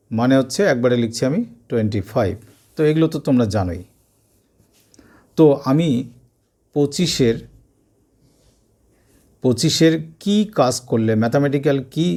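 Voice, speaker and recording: A man's voice: medium pitch, warm tone. A man teaching a maths lesson to school students, explaining step by step and repeating key points. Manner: slow, step-by-step explaining with repetitions.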